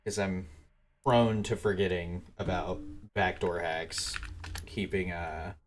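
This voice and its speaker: Low-voiced man muttering through a game. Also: steady tone, slow pace. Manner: rambling, swearing, muttering to himself. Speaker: gaming streamer. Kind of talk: casual gameplay commentary.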